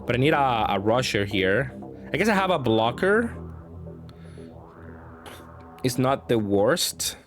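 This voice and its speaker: Background music plays as a man, a card game player and channel host, narrates his gameplay casually. His mid-range voice is expressive and normally paced, and he hesitantly thinks aloud while considering his options.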